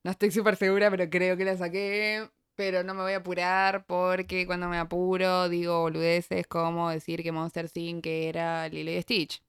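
A young woman with a Rioplatense Spanish accent, playing a film quiz in casual chat with a friend, giggly and animated. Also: on the low side, normal speed, hardly any pauses, clear, resonant tone. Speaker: quiz player.

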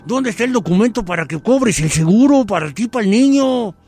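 Desperate Mexican husband ghost, high and loud, voiced by a man. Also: expressive, fairly quick, soft background music. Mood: desperate pleading.

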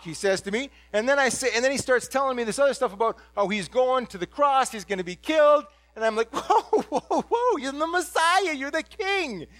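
A man with a rather high voice plays a blunt, ordinary middle-aged fisherman apostle, delivering a first-person biblical monologue to a congregation as a dramatic preacher. Excitable and blurting, he rambles and stumbles over restarts casually. The sound is dry, close, and echo-free.

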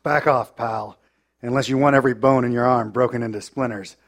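An actor playing a tough, menacing 1930s American adventurer with a gruff, hard-boiled manner in a live audio drama. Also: male voice, mid-range voice, steady tone, brisk, close to an everyday voice.

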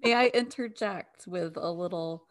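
A woman's voice: fairly low pitch, unhurried, no room sound, studio quality. A woman guest in a casual podcast chat, friendly and a little hesitant. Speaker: guest, wellness and skincare seller.

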